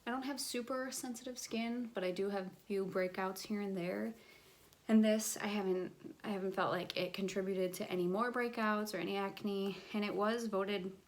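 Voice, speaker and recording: A woman's voice: mid-range voice, steady tone, moderate pace. A woman talking casually through her favorite makeup and skincare products, chatty and full of fillers. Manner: chatty, filler-heavy, enthusiastic recommending. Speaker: beauty vlogger. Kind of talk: casual product review vlog.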